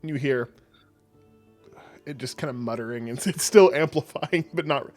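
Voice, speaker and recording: A man's voice: mid-range voice, normal speed, darkish tone. Man, game master narration, casual, hedging, faint music behind.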